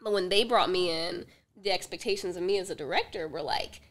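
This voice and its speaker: A woman director chatting as a podcast guest, telling animated stories and acting out the other people in them. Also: lowish voice, a little fast. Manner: animated storyteller who acts out dialogue with laughs. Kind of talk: casual podcast chat. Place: podcast studio.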